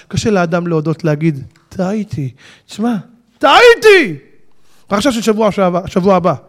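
A man preaching an animated sermon, firing rhetorical questions and acting out little dialogues. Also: sits high. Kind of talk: lively religious sermon.

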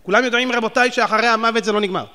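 A man preaching a sermon, animated and firing rhetorical questions at his audience. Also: extremely high pitch. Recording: long hall reverb.

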